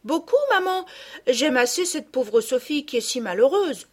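A woman's voice: high voice, expressive, moderate pace, pitched above the performer's own voice. A woman voicing a sweet little girl. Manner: gentle, earnest. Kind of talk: storybook reading.

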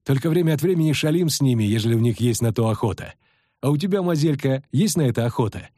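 A man voicing a leering young male bandit who teases and sneers, with a husky voice. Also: mid-range voice, lively intonation, fast talker, dark tone, no echo, clean studio sound, lightly acted. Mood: mocking. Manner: sneering, teasing.

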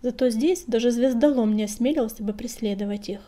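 A woman voicing a young ginger male warrior cat, a calm, thoughtful leader, in whispered role-play. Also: a little high, a little fast, natural voice.

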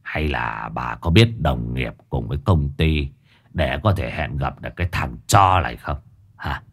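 A man voicing a gruff old male sorcerer who asks slow, probing questions in a deep voice. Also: lively intonation, heavily acted.

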